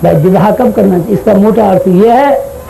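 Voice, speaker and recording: High-voiced, mellow man giving a religious discourse. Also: moderate pace, vocal fry, a little hiss or hum, low-quality recording. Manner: storytelling with acted dialogue and chanted Sanskrit.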